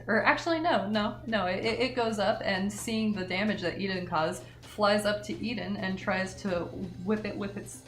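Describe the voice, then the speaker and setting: Woman game master, mid-pitched voice, roomy echo, lots of ums and restarts. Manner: hesitant, filler-heavy, self-correcting. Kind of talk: narrating a tabletop game.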